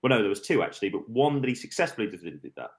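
A man hosting a casual darts chat show, reading quiz questions slowly and teasing the panel. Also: lowish voice, sing-song, soft background music. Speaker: quiz host of a darts podcast.

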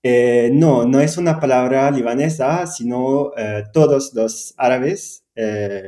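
A man's voice: medium pitch, takes it slowly, dark tone, roomy sound. A man whose first language is Arabic, speaking Spanish as a guest teacher, hesitant with many fillers and frequent laughs. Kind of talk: conversational interview.

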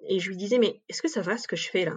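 A woman's voice: medium pitch, breathy edge. A young adult woman giving a frank, conversational account of a hard personal experience as a podcast guest. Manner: frank, fast and conversational, full of fillers. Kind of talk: candid personal testimony.

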